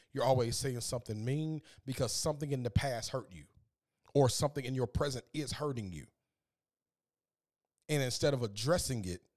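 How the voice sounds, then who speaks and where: A man's voice: medium pitch, darkish tone. A man hosting a podcast, giving an earnest, preachy, faith-based motivational talk and repeating words as he gets fired up. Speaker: podcast host.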